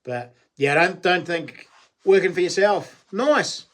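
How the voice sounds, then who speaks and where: A man's voice: high-pitched, lively intonation, measured pace, a bit bright. A man in his late forties with a broad New Zealand accent, chatting casually as he hosts a livestream, in a blokey, slangy, laid-back way. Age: late 40s. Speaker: live stream host. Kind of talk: casual livestream chat, reading and answering comments.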